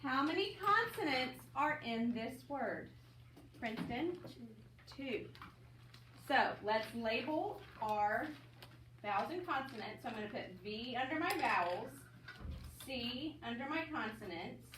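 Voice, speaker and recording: In a classroom phonics lesson, a woman teacher calls on students by name, upbeat and coaxing. Her voice sits on the high side, expressive and a little slow. The recording is roomy and noisy, with the mic placed at a distance.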